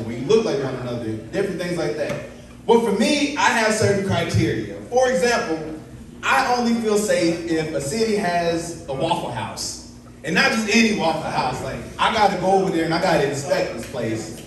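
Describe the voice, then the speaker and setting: A young American man doing amateur stand-up at an open mic, bombing his jokes with a rambling, stalling delivery. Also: high voice. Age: young adult. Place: small bar, indoors. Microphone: handheld stage mic, heard from far camera. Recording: echoey bar, distant mic, audience noise. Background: small audience.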